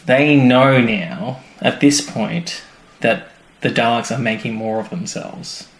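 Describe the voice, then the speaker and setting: Taking it slowly in a medium-pitched voice, this co-host recounts TV episodes with loose, joking informality. His podcast is recorded in an echoey room with faint background music.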